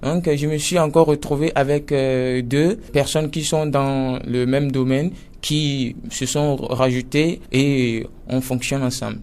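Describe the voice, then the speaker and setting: A man, president of an association, answering questions in a measured radio interview with fillers. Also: mid-range voice, steady tone, darkish tone, smooth.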